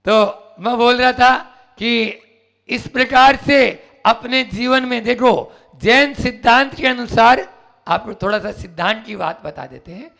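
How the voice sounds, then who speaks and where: High, gravelly-voiced preaching monk. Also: male voice, measured pace. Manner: animated storytelling, swings between loud and soft. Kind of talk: sermon. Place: jail gathering, partly outdoors. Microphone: camera recording.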